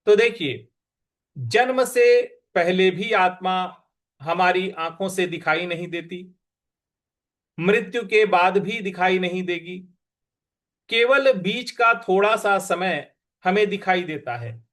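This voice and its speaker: A Sanskrit scripture teacher with a fairly high, slightly bright voice leads a slow recitation lesson, patiently breaking words into syllables and marking where the stress falls. Between plain explanations, he chants the verses unhurriedly.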